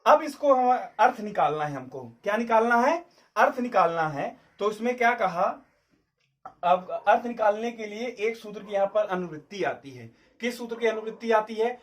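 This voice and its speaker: A man's voice: high voice, expressive, normal speed, distant mic. A man teaching a Sanskrit grammar lesson for exam prep, explaining step by step and asking and answering his own questions.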